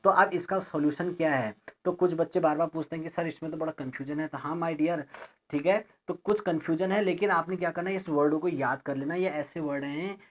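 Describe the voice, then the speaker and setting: On a lo-fi recording, a male English teacher with a slightly high pitch walks students through grammar. Each word gets a slow explanation and a letter-by-letter spelling, and he checks in with the learners along the way.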